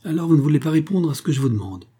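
A brooding, menacing young man in a storybook, voiced by a man reading aloud, curt and impatient. His voice is low, husky and dark. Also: fairly even intonation, moderate pace, close to an everyday voice. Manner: curt, threatening.

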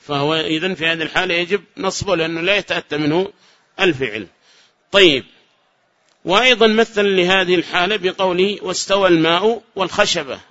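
Bright-voiced man teaching grammar. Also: high-pitched. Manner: asks the class questions and answers them himself; repeats key phrases slowly. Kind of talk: classroom grammar lesson. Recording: dull lo-fi lecture recording.

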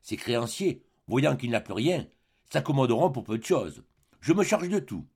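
A man reading aloud, voicing a cheerful, warm-hearted young tradesman in a hearty, eager manner. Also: medium pitch, very animated, moderate pace, husky.

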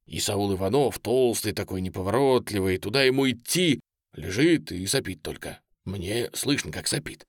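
A man's voice: fairly low pitch, normal speed, dry recording, clean studio sound. Man reading a war novel expressively. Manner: animated, expressive storytelling. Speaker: audiobook narrator. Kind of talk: first-person novel reading.

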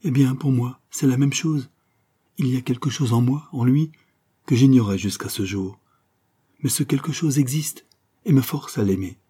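A man's voice: mid-range voice, normal speed, mellow, slightly rough, pitched above the performer's own voice, natural voice. A man reading an audiobook voices a young woman torn by love, with a trembling, plaintive delivery. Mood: earnest.

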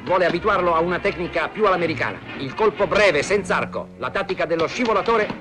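Male newsreel announcer from an old archive reel; high, declamatory, over music. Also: lively intonation, fast. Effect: old newsreel soundtrack played back. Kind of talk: 1950s newsreel commentary.

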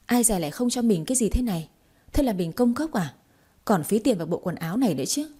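A brash young woman fortune-teller from a storybook, chattering fast and cheekily, as a woman reader puts her on. Her voice is warm and a little husky. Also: mid-range voice, expressive. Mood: grumbling. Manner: brash, chattering, self-mocking.

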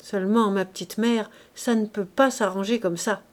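A woman reading aloud, voicing an old drunken male undertaker's helper who speaks loudly and bluntly. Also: medium pitch, fairly even intonation, moderate pace, natural voice. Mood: mocking.

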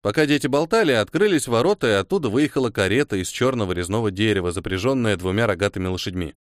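A man narrating a storybook in an animated, expressive reading voice. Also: lowish voice, fast, no room sound, studio quality. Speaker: audiobook narrator.

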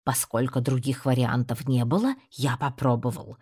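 Woman, audiobook narrator, low-pitched, husky, steady storytelling. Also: normal speed. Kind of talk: scripted narration.

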